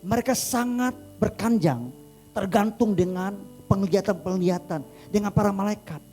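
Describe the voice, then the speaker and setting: A male pastor from Indonesia telling a story in a sermon, dramatic and animated, with mouth sound effects. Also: high-pitched, normal speed, faint music behind.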